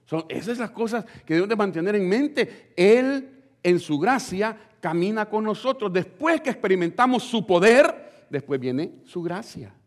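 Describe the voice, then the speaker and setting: A male pastor preaching a fervent sermon to his congregation, swinging between loud and hushed lines. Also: high-pitched, lively intonation, unhurried. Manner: addresses the congregation directly.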